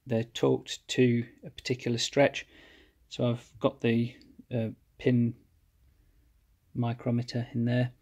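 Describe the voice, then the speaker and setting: This is a hands-on workshop walkthrough from a man rebuilding an engine at home, calmly explaining each step at a cluttered bench. His voice is mid-range and husky, his delivery methodical and plain, with pauses in the middle of phrases.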